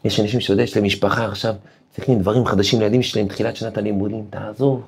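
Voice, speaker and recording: This rabbi leads a weekly class with an emphatic Torah lesson that carries the exhortation of a sermon. His voice is fairly low, steady, husky and somewhat dark. He tells stories, poses rhetorical questions to his listeners and builds to fervent peaks.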